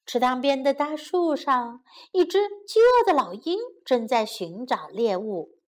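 A woman narrating a bilingual children's story and teaching simple English sentences. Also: sits high. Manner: slow, clear, expressive.

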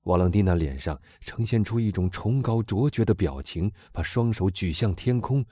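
A man narrating a novel as an audiobook, with expressive storytelling. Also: fairly low pitch, normal speed, dry recording.

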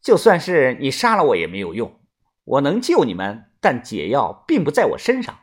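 A man playing a cold, scheming woman who states her terms calmly and sneers through her words. The delivery is husky, with lively rises and falls in pitch. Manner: calm, measured, sneering.

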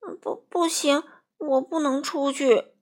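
A woman voicing a small, scared young male frog who cries out and pleads in a shrill voice. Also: steady tone, unhurried. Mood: shrill insistent.

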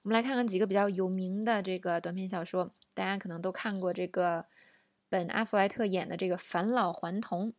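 A woman's voice: mid-range voice, steady tone, brisk, no room sound, studio quality. A woman teaching a casual language lesson, explaining in a chatty way and often asking the listener rhetorical questions. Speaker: English teacher.

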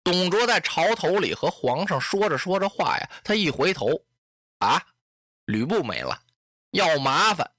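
A storyteller telling a classic tale in an animated way, voicing sound effects and adding asides. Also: mid-range voice, unhurried, no room sound, clean studio sound. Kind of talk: traditional storytelling.

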